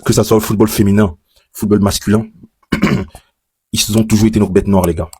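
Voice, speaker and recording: A man's voice: on the low side, steady tone, normal speed, a little mellow, husky, dry recording. A young man from Cameroon, a content creator chatting casually to his viewers in a reaction vlog. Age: young adult. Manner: chatty, addresses viewers as "les gars".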